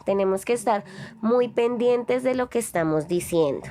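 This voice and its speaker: A woman's voice: a little high, animated, moderate pace, mellow. A woman teacher, giving a recorded lesson to children and stretching out syllables to demonstrate them.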